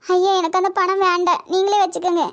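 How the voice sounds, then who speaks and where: A woman's voice: extremely high pitch, level tone, fast talker, fairly bright tone, dull audio. A woman voicing cartoon village women, speaking in an emotional, exclaiming way. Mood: distressed. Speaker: voices most cartoon characters. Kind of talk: cartoon voice acting.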